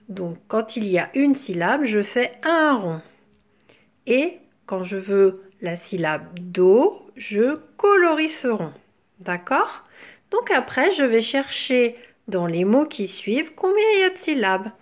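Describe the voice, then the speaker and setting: A woman teacher explaining a classroom exercise to young children, sounding out words syllable by syllable. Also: on the high side. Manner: syllable-by-syllable enunciation, drawn-out words.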